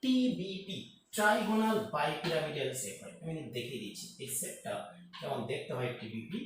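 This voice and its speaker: A man teaching chemistry in a lively, repetitive way, often checking whether his students have understood. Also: a little high, moderate pace. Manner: lively, repetitive, calls students "beta", checks if it's clear. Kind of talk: whiteboard chemistry lecture. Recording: echoey room, distant mic, faint noise.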